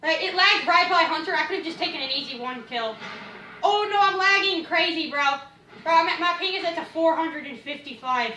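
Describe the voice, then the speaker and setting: A child playing a video game, chatting excitedly and casually in an animated, slangy, complaining way. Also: very high voice, a little fast, dull audio. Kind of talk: excited casual gaming chat. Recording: echoey room, distant mic, faint noise.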